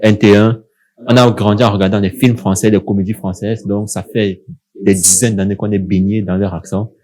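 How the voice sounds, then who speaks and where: Young Cameroonian man, dark mellow voice. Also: lowish voice, normal speed. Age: young adult. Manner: lively storytelling, laughs often. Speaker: podcast co-host. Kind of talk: casual podcast conversation.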